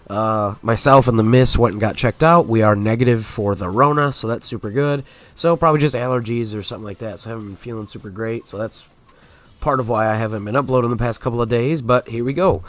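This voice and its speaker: A man's voice: medium pitch, fast talker, a bit bright. Stuffy-nosed man hosting gameplay videos. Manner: frequent filler words, upbeat and chatty. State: stuffed up from a cold. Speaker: competitive Pokemon video host. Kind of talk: casual gameplay commentary.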